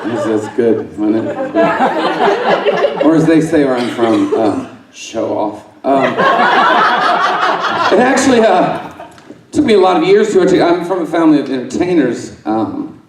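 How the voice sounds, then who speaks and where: A man's voice: medium pitch, big pitch swings, normal speed, long pauses, roomy sound, recorded from a distance, heavy background noise. A middle-aged man from Alabama doing a loose, improvised stand-up set, profane and self-mocking, rambling with fillers and side remarks. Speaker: stand-up comedian. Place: conference center room with a live audience.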